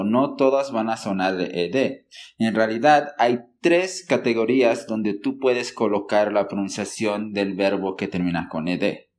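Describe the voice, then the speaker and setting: A man teaching a language lesson, explaining patiently, checking in with listeners often and saying example words slowly for them to copy. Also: lowish voice, a little hiss or hum. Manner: models words slowly for learners. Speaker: English teacher.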